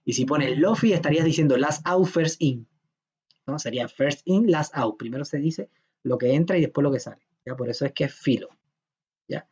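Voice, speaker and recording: A man's voice: fairly high pitch, moderate pace, a little mellow, breathy edge. A man giving an informal programming lecture in a chatty, joking manner, often checking that his students follow. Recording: dull lo-fi lecture recording.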